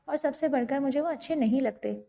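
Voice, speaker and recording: Woman narrator doing a timid young bride-to-be, high, soft and pleading. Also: creaky. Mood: upset. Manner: pleading, tearful. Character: frightened stubborn young woman.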